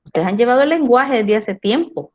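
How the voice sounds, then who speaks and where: A woman's voice: a little high, lively intonation, fairly quick. A woman teaching a philosophy class. She often checks in with tag questions and repeats words while she gathers her thoughts. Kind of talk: class lecture. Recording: dull lo-fi recording.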